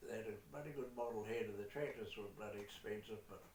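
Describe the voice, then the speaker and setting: An old man with a New Zealand accent spins a rambling yarn, dropping mild curses as he goes. His voice sits low. The recording is echoey and distant, with a faint hiss underneath. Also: quick pace, darkish tone. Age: older. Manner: salty, peppers speech with mild swearing. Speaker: great-grandfather telling family stories. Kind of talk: rambling casual storytelling. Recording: echoey room, far from the mic, faint noise.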